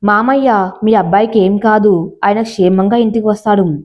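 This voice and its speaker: A woman's voice: mid-range voice, normal speed, natural voice. A woman reading as an anxious young wife. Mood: distraught. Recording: slightly dull lo-fi audio.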